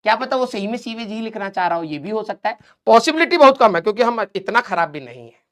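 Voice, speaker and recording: A man runs a live online class in a fairly high voice, chatting and poking fun at his students. His delivery is loose and joking, a teacher ribbing the class between topics. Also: very animated, fast talker, a bit bright. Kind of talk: casual live-class banter.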